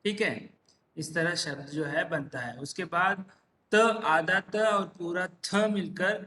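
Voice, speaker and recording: Slow, high-voiced man teaching in an echoey room. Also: sharp tone, a little hiss or hum. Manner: patient, repeats examples one word at a time. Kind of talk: slow classroom explanation.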